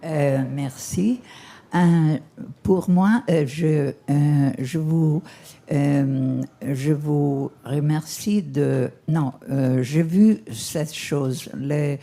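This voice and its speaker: Casting: non-native French speaker with a foreign accent, slow halting questioner at a press conference, mellow, lightly gravelly voice. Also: mid-range voice. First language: not French, speaks more English. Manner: halting, searching for words. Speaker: audience questioner.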